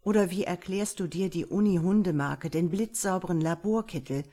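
A woman's voice: fairly low pitch, moderate pace, dark tone, lightly acted. A woman doing a scornful young husband. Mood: dismissive. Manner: curt and scornful. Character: impatient, dismissive husband, a young man.

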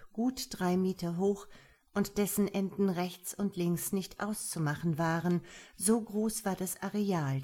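A woman hosting a podcast and reading a crime story in a lively, dramatic way. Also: on the low side. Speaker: podcast host and reader.

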